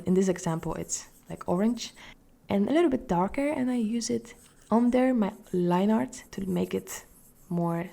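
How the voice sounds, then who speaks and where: A young woman with a Polish accent hosts an art tutorial, talking casually through a drawing, hesitant and repeating words, sometimes dropping into soft whispers. Her voice is fairly low-pitched and gravelly.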